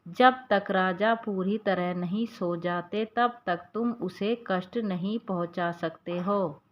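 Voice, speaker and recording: A woman's voice: medium pitch, slow pace, natural voice. A woman voicing a bossy female louse who sets firm conditions, in a slightly muffled recording. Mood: stern. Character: bossy female louse, stern but soft-hearted.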